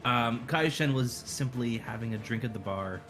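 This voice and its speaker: A man playing a tabletop game, calmly setting the scene for his character. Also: medium pitch, normal speed, music in the background. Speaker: player. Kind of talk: casual tabletop play.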